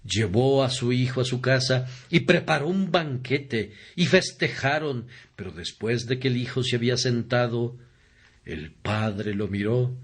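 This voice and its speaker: A man reads a sermon with slow, deliberate earnestness. His voice sits in an ordinary middle range, and he lingers over each phrase as he appeals to the listener. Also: medium pitch. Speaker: preacher. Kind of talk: read sermon, Spanish voice-over.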